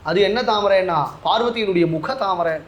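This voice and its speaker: A man with a very high voice gives an animated devotional discourse. He asks many rhetorical questions and slows down to chant Sanskrit verses. His voice carries a roomy echo. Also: muffled recording. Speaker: religious discourse speaker.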